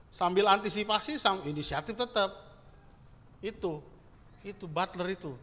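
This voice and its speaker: A man delivers a sermon to his congregation, lively and playful, acting out short prayers and jokes. His voice sits a bit high. The sound carries a long reverb from the church hall. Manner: lively, playful preaching with acted-out prayers and asides. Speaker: pastor.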